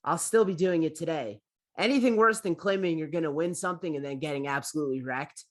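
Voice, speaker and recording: A man's voice: fairly high pitch, fast talker. Guy in his 30s, casual interview host, chatty. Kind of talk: casual chat. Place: home room, video call.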